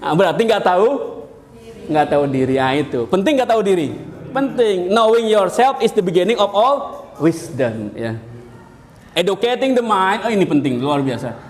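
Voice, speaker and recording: A man from Indonesia, a university lecturer, giving a classroom lecture in an animated storytelling manner, asking his students questions. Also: high-pitched, moderate pace. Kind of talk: classroom lecture with jokes and anecdotes.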